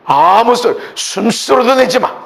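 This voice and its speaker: A male pastor preaching a sermon, swinging from shouts to hushed asides and acting out the voices he quotes. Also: very high voice, lively intonation, unhurried, creaky. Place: church sanctuary.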